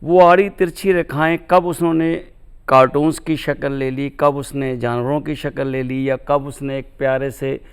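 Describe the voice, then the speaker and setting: A man's voice: mid-range voice, steady tone, moderate pace, clear, resonant tone. A middle-aged man, a cartoonist guest, talking in a reflective interview with lofty, philosophical phrasing and recited couplets.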